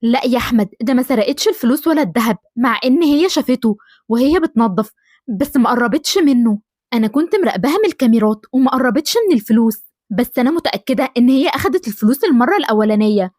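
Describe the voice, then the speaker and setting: A woman with an Egyptian accent voicing a suspicious, scheming young housewife who mutters quickly to herself. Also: fairly high pitch, lively intonation, darkish tone, no echo, studio quality.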